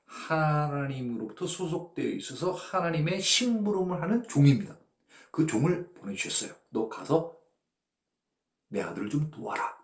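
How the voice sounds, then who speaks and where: A man's voice: on the high side, echoey room. A man, a pastor, teaching a Bible study and checking in with his listeners as he goes, sometimes acting out voices. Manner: animated, acts out voices and sound effects; asks the audience "예?" and "그쵸?" to check they follow.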